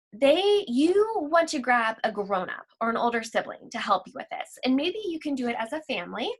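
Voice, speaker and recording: Like a school library teacher, a woman with a high, slightly bright voice gives a children's lesson, explaining things simply and reading aloud with deliberate care.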